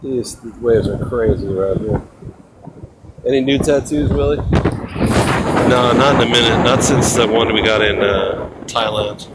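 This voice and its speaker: Man talking up over very loud wind. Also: mid-range voice, unhurried. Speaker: live streamer. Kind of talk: casual livestream chat. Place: outdoors on a windy rocky beach. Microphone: microphone on a livestream rig. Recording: very loud wind and surf noise. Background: crashing waves, loud wind.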